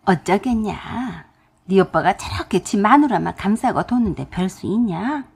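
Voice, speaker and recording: A woman's voice: mid-range voice, animated, moderate pace, gravelly, breathy edge. A woman voicing a crafty older mother-in-law in a narrated radio drama, wry and scheming.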